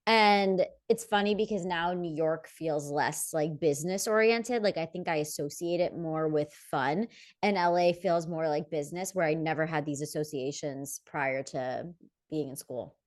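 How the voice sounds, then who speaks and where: Young adult woman, podcast co-host; lowish pitch, easygoing and reflective, with lots of "like". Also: normal speed. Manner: relaxed, reflective, says "like" a lot. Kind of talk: casual chat.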